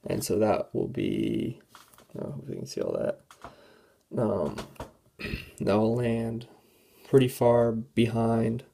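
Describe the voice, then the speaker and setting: Teen student, hoarse, gravelly, mellow dark tone, slow halting explanation, throat clearing. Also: mid-range voice, animated. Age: teens. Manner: halting, filler-heavy, thinking aloud. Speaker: student presenter. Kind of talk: classroom walkthrough of a calculator test.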